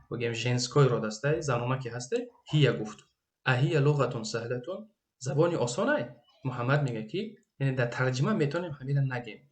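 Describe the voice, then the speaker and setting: In an Arabic grammar lesson, a Tajik-accented man slowly repeats every Arabic phrase and then gives its translation. His voice sits at a medium pitch.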